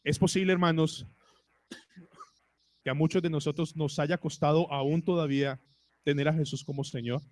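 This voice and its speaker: A man's voice: a little high, fairly even intonation, normal speed, long pauses, dry recording. A male pastor with a Colombian Spanish accent preaching a sermon to his congregation, asking them rhetorical questions. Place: church.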